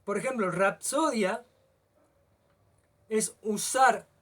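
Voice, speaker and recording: A man's voice: high voice, a bit bright. Man lecturing with constant checks. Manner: checks understanding with frequent "¿sí?", stretches some words slowly. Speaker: teacher.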